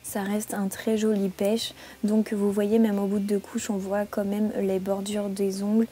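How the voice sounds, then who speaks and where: A woman vlogger chatting casually in her bedroom while reviewing products, relaxed and chatty with frequent hesitations. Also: mid-range voice, unhurried. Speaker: beauty vlogger.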